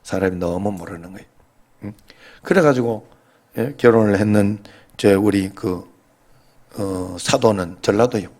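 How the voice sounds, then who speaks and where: A man's voice: lowish voice, measured pace, pauses often. A male pastor, giving a sermon in a chatty, joking way and often asking the congregation "eh?". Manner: grows louder and more emphatic when preaching on scripture.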